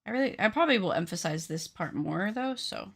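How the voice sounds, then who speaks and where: Her medium-pitched voice is expressive and brisk, with vocal fry and a breathy edge. She is a woman in her late twenties crafting on a live stream, chatting casually with viewers, joking with them and teasing herself.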